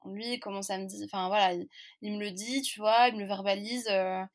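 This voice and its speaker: A woman's voice: medium pitch, fairly even intonation, fairly quick. A French woman in her twenties, a podcast guest telling a personal story in a chatty, candid, hesitant way. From France. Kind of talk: casual storytelling interview.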